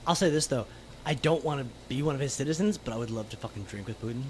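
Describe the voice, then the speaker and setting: A man's voice: medium pitch, fast, a little mellow, slight background noise. A man co-hosting a podcast, blunt and a little profane in casual chat. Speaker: podcast co-host.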